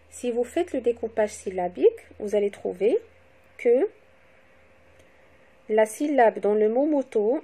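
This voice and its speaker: A woman teacher giving a slow, deliberate phonics lesson to young children, spelling out letters and syllables. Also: a little high, warm tone. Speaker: primary school teacher.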